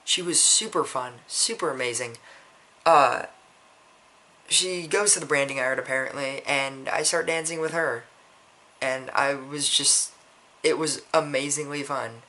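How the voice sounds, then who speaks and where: A man's voice: mid-range voice, a little slow, pushed and bright. A man telling a personal story in casual vlog style, rambling with frequent restarts and blunt, profane asides. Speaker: vlogger.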